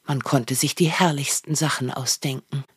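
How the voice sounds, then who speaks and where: A woman reading a children's story aloud with lively, expressive storytelling. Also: very deep voice, moderate pace.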